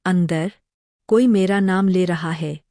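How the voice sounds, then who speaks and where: A woman voicing a young man who turns out to be a ghost from a century ago, speaking in a quiet, flat way. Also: on the low side, slow, no room sound, clean studio sound. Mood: fearful. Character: haunted teenage boy, ghost of a dead son.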